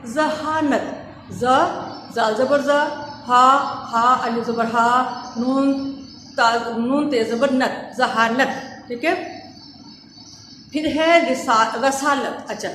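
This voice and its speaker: A woman's voice: fairly high pitch, takes it slowly, fairly bright tone. A woman teacher with a Pakistani Urdu accent, giving a grammar lesson to children and spelling words out letter by letter with emphatic corrections. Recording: echoey room with faint ambient noise.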